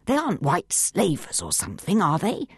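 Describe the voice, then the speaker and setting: A woman reading an audiobook voices a flustered young who talks nervously in a low whisper. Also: huge pitch swings, normal speed, husky, dry recording, clean studio sound, heavily acted. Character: flustered upper-class young English woman.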